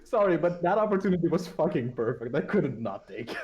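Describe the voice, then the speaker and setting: A man's voice: on the high side, very animated, fairly quick, a little mellow. A man playing a tabletop game over voice chat, laughing and swearing. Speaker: player. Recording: dull lo-fi mic with faint hiss.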